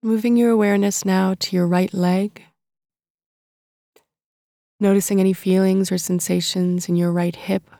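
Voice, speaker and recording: Female meditation narrator: soft, relaxed and soothing, slow phrasing with long pauses, very dry close sound. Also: mid-range voice, vocal fry, no echo. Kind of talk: guided body-scan meditation narration.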